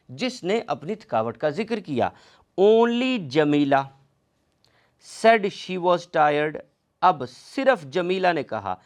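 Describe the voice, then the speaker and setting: A man teaching an exam-prep grammar lecture, often calling his students friends and reading English example sentences out slowly, word by word. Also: a little high.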